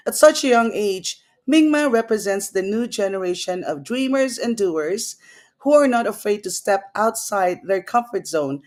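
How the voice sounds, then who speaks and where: A woman's voice: medium pitch, a little mellow. A woman hosting an online interview show, talking in an enthusiastic, effusive way. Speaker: host.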